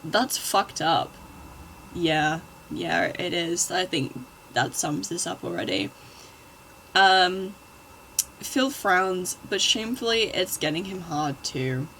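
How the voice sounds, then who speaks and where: A woman reads fanfiction aloud in an unhurried, bright voice. She keeps stopping to add wry, exasperated asides about what she has just read. She is recording at home. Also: lowish voice, expressive, slight background noise, poor audio. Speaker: channel host. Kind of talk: reading fanfiction aloud with commentary.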